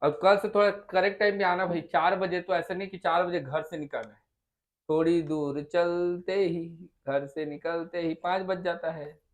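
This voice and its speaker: Man, Chhattisgarh Hindi accent, classroom tutor, high voice, coaxing, repeats vowel sounds aloud. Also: fairly even intonation, normal speed. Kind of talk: classroom lesson. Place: classroom with students.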